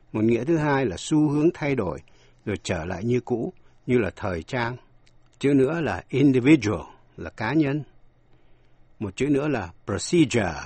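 A man teaching English vocabulary, slowly spelling words letter by letter and explaining their stress and meanings. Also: medium pitch, darkish tone, husky, dry recording. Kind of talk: slow scripted pronunciation lesson.

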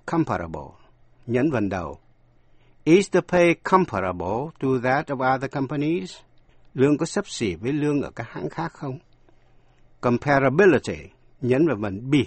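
A man teaching English vocabulary, slowly spelling words letter by letter and explaining their stress and meanings. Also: mid-range voice, breathy edge, no room sound. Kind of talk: slow scripted pronunciation lesson.

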